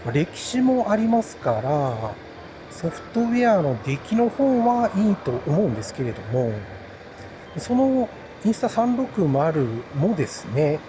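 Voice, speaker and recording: A man talks to his viewers from inside a helmet while riding a motorbike. His delivery is polite and explanatory, with very animated rises and falls and drawn-out phrase endings. Clear vehicle noise runs behind his casual review-style chat. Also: high voice. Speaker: motovlogger reviewing action cameras.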